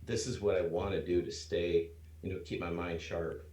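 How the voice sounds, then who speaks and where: A man in his sixties, a trader in a mentoring program, chats casually in an easygoing, rambling way and laughs at himself. His voice sits low and somewhat dark, with a steady tone and moderate pace, and it sounds reverberant.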